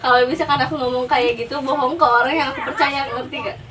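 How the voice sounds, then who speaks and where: A woman's voice: sits high, steady tone, quick pace, a crowd in the background. A young woman with a Sundanese-influenced Indonesian accent, chatting casually as a guest and often checking that she is understood. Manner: chatty, keeps asking "ngerti gak?". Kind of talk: casual chat. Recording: distant mic, faint background noise.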